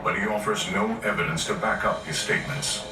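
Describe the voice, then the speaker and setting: A man's voice: lowish voice, a little fast, roomy sound, recorded from a distance. A man reading scripted true-crime documentary narration for television.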